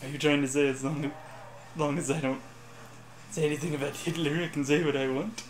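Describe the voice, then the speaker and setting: A man's voice: a little high, level tone, brisk, roomy sound, a little hiss or hum. A man joking and mocking himself while playing a racing game in casual chat. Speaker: gameplay commentator.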